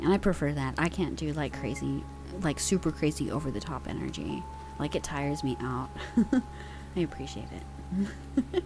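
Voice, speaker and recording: In a rough recording, a young woman with a low-sitting voice streams on a close mic. She chats casually with her viewers, laid-back and slangy, calling them pet names.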